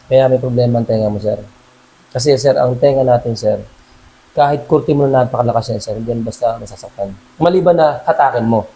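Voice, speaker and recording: Mellow-voiced man calmly coaching a client. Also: medium pitch, brisk, slight background noise, poor audio. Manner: calm, reassuring, adds "sir" to nearly every phrase. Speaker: massage therapist treating a client. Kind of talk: casual instruction during a hands-on treatment.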